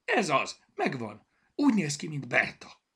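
A man voicing an excitable know-it-all toy rabbit in a children's storybook, with a high, squeaky voice. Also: vocal fry, breathy edge, exaggerated voice. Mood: eager.

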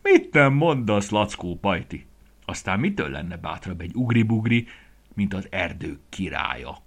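A man voicing a big, grumpy old male bear in a children's story, speaking in a booming, gruff way. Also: big pitch swings, fairly bright tone, exaggerated voice.

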